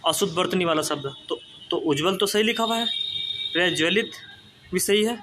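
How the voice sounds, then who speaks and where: A man's voice: high voice, a little fast, sharp tone. A man running an exam-prep spelling lesson, repeating each word several times and checking in with his students as he goes.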